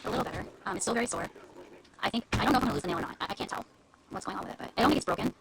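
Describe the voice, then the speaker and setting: A woman with a gravelly, creaky voice and a very rapid delivery, walking viewers through her makeup in a chatty live stream from home. She explains each step in close detail. There is clear background noise on the recording. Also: on the high side. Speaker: beauty influencer. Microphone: live-stream camera mic.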